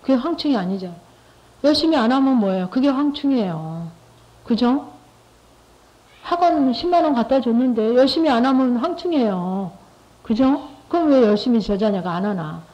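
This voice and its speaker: A middle-aged woman with a somewhat high but mellow voice shares her faith testimony with a church group. She talks conversationally, repeats herself and keeps turning to her listeners with rhetorical questions. The recording is dull and lo-fi. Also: animated, moderate pace. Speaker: lay church speaker giving testimony.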